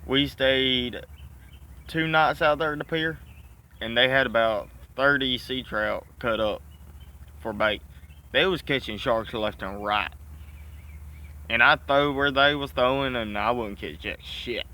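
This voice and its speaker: A man's voice: mid-range voice, a little slow, long pauses, bright, forceful tone. A man with a Southern US accent chats casually and folksily, with mild swearing, as he talks around a dip of chewing tobacco. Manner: folksy, mildly profane. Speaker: fishing vlogger. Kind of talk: casual rambling chat to camera.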